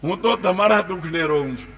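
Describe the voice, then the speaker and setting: A humble, clever village wife speaking softly with a pleading lilt, as a male storyteller puts her on. Her voice is bright and fairly high, with a gentle, coaxing manner in a spoken folk tale. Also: fairly quick.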